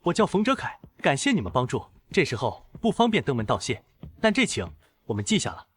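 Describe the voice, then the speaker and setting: Worried neighbors in a drama, hesitant and pleading. His voice is husky and a little high, and it bounces about a lot. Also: wildly swooping pitch, fairly quick.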